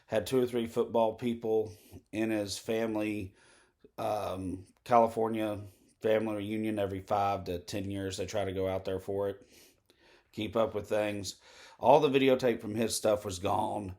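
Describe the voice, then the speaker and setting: A man hosting a political commentary show, talking in a candid, digressive monologue, slightly hoarse and clearing his throat. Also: on the low side, little pitch movement, moderate pace, darkish tone. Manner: candid, digressive, many fillers and tangents. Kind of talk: rambling unscripted monologue.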